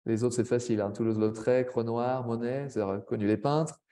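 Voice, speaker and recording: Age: adult. Sex: man. Role: teacher trainer. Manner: chatty, peppers speech with tags, mid pitch. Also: fairly even intonation, warm tone. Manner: chatty, frequent "hein" tags, quick asides. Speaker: French language teacher trainer. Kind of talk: webinar presentation.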